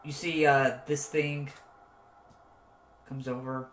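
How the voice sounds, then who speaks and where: A man's voice: medium pitch, flat delivery, slow, a bit bright. A man as game master, casually narrating what happens to the players in a tabletop game. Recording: echoey room with faint noise.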